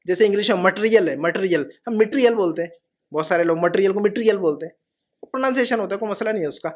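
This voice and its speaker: Male language teacher, very high pitch, patient, slow repetitions for the class. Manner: patient, repeats phrases slowly for students. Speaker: Arabic teacher. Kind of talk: classroom lesson.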